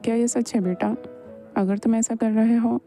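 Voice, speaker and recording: Woman doing a fatherly big brother giving calm advice, very dark mellow tone, fan dub. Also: on the high side, soft background music, natural voice. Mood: concerned. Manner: gentle, measured advice. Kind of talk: Hindi fan voice-over dub.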